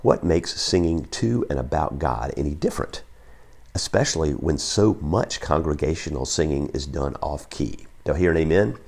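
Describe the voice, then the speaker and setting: A man preaching a Sunday sermon with a croaky, froggy voice, often repeating words as he reads excerpts from a book. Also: a bass voice, expressive, moderate pace, darkish tone. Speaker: pastor.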